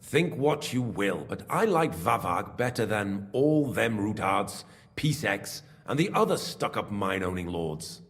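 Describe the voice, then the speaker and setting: A man's voice: a little slow, heavily acted. An actor playing a scheming middle-aged smelting works master in a video game, smug and evasive as he confesses his part in a silver racket. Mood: resentful. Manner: smug and evasive, lively pitch. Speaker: game character.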